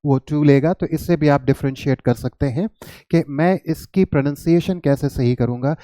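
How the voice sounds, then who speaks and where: A man teaching English with a patient, repetitive way of explaining, often pausing to check in. His voice sits a little high but sounds mellow and soft-edged. The sound is close and dry, with no room around it. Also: dry recording. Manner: mixes Hindi and English. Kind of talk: classroom-style lesson.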